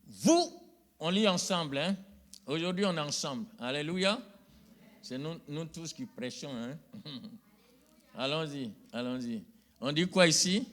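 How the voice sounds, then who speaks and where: In church, a middle-aged pastor delivers a sermon, his male voice sitting on the high side. He addresses the congregation directly, building to loud, forceful high points.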